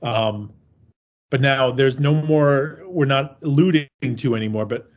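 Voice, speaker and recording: A man's voice: medium pitch, measured pace, muffled recording. A man co-hosting a horror film podcast, chatting casually in a rambling, jokey and profane way. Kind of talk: casual chat.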